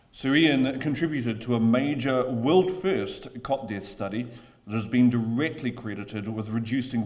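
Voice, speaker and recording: A man's voice: medium pitch, a little mellow. A man reading scripted honours citations formally at a ceremony.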